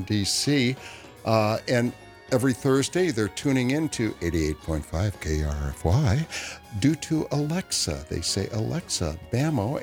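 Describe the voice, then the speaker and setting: An American man hosting a radio show in a casual, effusive, folksy way. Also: medium pitch.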